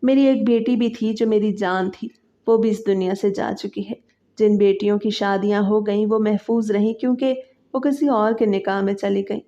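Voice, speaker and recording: A woman tells a dramatic story in the first person, earnest and full of feeling. Her voice is mellow and warm. The recording sounds slightly dull and lo-fi. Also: mid-range voice, fairly even intonation.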